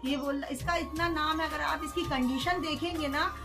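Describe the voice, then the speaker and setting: A woman's voice: high-pitched, steady tone, moderate pace, music in the background. A woman recounting an incident to an interviewer, quoting the people involved as she tells it. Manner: storytelling, quoting others' words, frequent "haan, ji". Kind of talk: emotional first-person account.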